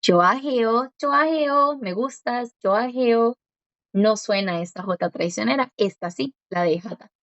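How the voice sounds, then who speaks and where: A woman's voice: medium pitch, a little mellow, no echo, dull audio. Patient woman teaching a language lesson. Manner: patient, explains step by step and repeats words slowly.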